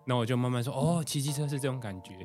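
A young man with a Taiwanese Mandarin accent telling a story in casual podcast chat, animated, laughing often and acting out what people said. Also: medium pitch, very fast, soft background music. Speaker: podcast co-host.

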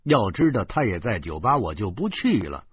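Male narrator, husky and animated, dry close sound, dull lo-fi audio. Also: on the low side, normal speed, dry recording. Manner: lively, comic storytelling with big swings. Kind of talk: first-person novel reading. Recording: dull lo-fi recording.

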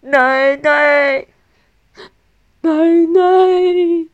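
A woman's voice: high voice, very slow, dull audio, pitched above the performer's own voice. A woman voicing a remorseful young male offender who pleads tearfully with his family.

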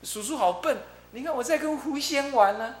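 A man voicing an excited, chattering little girl, recorded in an echoey room. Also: extremely high pitch, normal speed, pitched above the performer's own voice. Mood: teasing. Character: small cheerful girl who sees spirits. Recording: echoey room, faint hum.

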